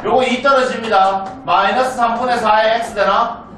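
Very high in pitch and a bit bright, this South Korean man keeps his intonation fairly even while lecturing a math class. He's brisk and talkative, peppering students with check questions to see if they follow; the mic sits far off in a spacious classroom.

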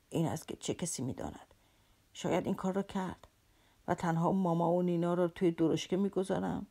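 A woman voicing a poor, proud army captain in an audiobook, talking feverishly fast with a bitter, mocking edge. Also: lowish voice, dark tone. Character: poor, proud, frantic middle-aged male army captain. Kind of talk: audiobook character reading.

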